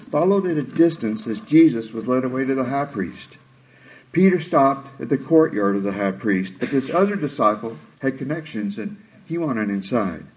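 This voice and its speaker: Man preaching an expressive sermon. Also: low-quality recording. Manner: expressive, acts out quoted lines with rising pitch and slowed delivery.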